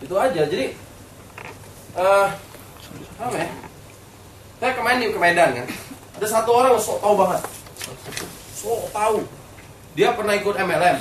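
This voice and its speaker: A man giving a motivational business seminar talk in a casual way, often asking the audience rhetorical questions. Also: sits high. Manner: colloquial, keeps quizzing the audience with rhetorical questions. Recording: roomy hall, distant mic, background noise.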